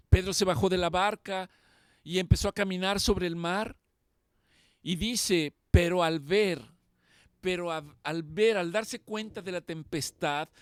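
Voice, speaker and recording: A man with a high voice preaches a sermon in a slow, deliberate cadence. He leans on repetition and emphasis, building fervor as he exhorts his congregation. The sound is dry and close. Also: no echo. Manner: impassioned preaching, slow and emphatic with repeated phrases. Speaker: pastor.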